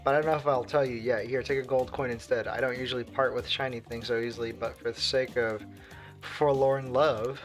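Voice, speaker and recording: A man's voice: medium pitch, steady tone, a little fast, close to an everyday voice. A sly, possessive huntress who teases and lightly threatens in a game's dialogue, read aloud by a man close to his own voice. Her tone stays playful with an edge of menace. Faint music plays behind her. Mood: teasing.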